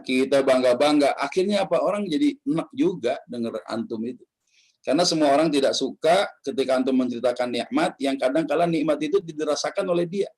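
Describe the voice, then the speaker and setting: A man's voice: on the high side, rough recording. A man giving a casual, joking religious talk, acting out the voices he quotes. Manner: joking, acts out quoted voices, laughs often. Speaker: preacher. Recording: online study session.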